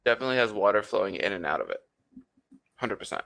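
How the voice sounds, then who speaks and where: Young man, lowish voice, bright tone, rambling casual argument, filler-heavy podcast chat. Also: expressive, fast talker, gravelly. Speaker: podcast co-host. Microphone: computer mic over a voice call.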